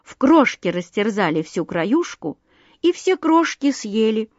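Woman reading a children's story, slow, expressive, fairly high voice, dull dry recording. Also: no room sound. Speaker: narrator.

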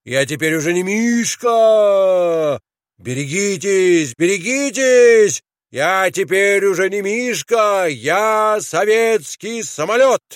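A man voicing a bold little boy who pretends to be an airplane, buzzing and shouting loud warnings. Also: high-pitched, lively intonation, takes it slowly, no echo, studio quality, voice pushed up. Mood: excited.

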